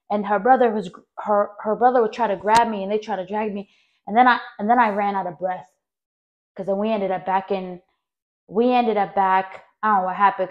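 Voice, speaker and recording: A young woman with a mid-range voice, neither high nor low, tells a personal story on her podcast. She rambles and restarts, fills gaps with "like" and "um," and keeps turning to address her audience directly. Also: highs cut off. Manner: rambling, animated, many fillers, talks straight to listeners. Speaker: podcast host.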